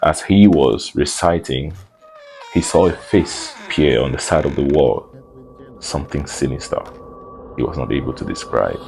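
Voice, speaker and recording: A man's voice: extremely low pitch, normal speed, vocal fry, a little mellow, poor audio. A man narrating a spooky story in a casual storytime style, laid-back with joking asides.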